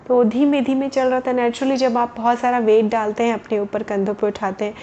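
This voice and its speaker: Lady reading a kids' story, highish voice, slightly muffled, faint hum. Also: flat delivery, fairly quick, warm tone. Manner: explains words, addresses children directly. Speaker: children's storyteller. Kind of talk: storytelling to children.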